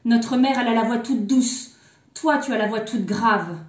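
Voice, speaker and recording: Brief: excitable tiny goat kids, high and shrill, voiced by a woman, roomy echo. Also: moderate pace, natural voice. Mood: excited. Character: panicked little goat kids, young, shrill. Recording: echoey room.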